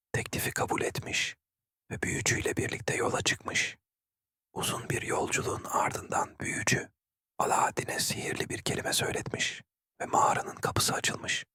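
A man whispers a fairy tale in ASMR style, quiet and hushed as if at night. The whisper is breathy and crisp, with bright edges. He is close to the mic, and the sound is very dry. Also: dry recording. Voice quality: soft, breathy, unvoiced whisper. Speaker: storyteller. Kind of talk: whispered ASMR bedtime storytelling. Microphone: close microphone.

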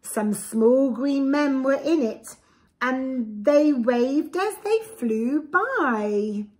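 An Englishwoman with a fairly high voice reads a rhyming picture book aloud to young children, taking her time and adding simple explanatory asides in an expressive, deliberate way. She's a preschool storyteller in a small indoor room lined with bookshelves, picked up by a camera a short distance away.

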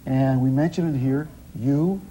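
A middle-aged American man hosting a TV talk show, chatting in a lively way. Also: mid-range voice, unhurried, a little hiss or hum, rough recording. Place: TV studio with audience.

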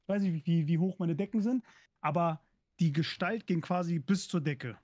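A man hosting a casual livestream talk, reacting with quick exclamations and telling his own story in halting restarts. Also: fairly high pitch, a little mellow, dry recording, studio quality. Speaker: livestream host. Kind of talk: casual chat.

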